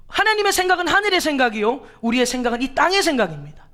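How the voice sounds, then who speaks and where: A woman's voice: high voice, very animated, fast talker, a bit bright. A woman pastor preaching a sermon, emphatic, asking the congregation rhetorical questions and acting out quoted pleas with drama.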